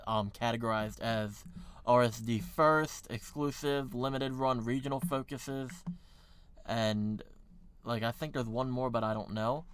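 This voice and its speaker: A man's voice: medium pitch, a bit bright, smooth. A man with an American accent talking casually on a livestream, rambling with lots of fillers and correcting himself as he goes. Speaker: streamer.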